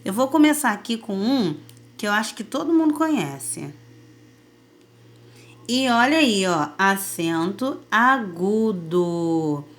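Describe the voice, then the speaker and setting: A woman teacher, giving a recorded lesson to children. She talks in a lively, patient way and often checks in with them. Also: fairly high pitch, unhurried, pauses often. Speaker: primary school teacher.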